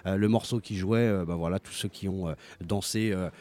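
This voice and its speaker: Low, mellow-voiced French radio host. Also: male voice, fairly even intonation, moderate pace. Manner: hesitant, many fillers and restarts, conversational. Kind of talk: live radio music commentary.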